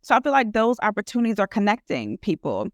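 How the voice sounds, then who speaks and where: Speaking fast with big swings in pitch, this medium-pitched American businesswoman rambles earnestly about her work as a guest in a relaxed interview, leaning heavily on "you know." The studio-grade audio has no room sound.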